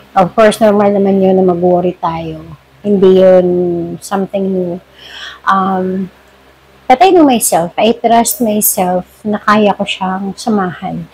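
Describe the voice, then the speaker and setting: A middle-aged woman with a Filipino accent, a mother vlogging in a sit-down confessional, speaking slowly and emotionally, near tears at times, mixing English and Tagalog. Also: mid-range voice, a little mellow, husky, low-quality recording.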